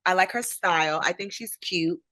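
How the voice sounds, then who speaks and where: A woman's voice: lowish voice, a bit bright, no echo. Chatty woman co-host, dry close sound. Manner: chatty and quick, laughs easily. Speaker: podcast co-host. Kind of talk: casual chat.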